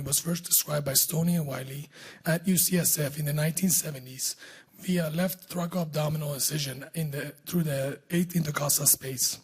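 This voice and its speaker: A surgeon gives a scripted research presentation at a medical conference, speaking close to a podium microphone. His voice is fairly high-pitched with a darkish tone, but husky and hoarse, as he is losing it.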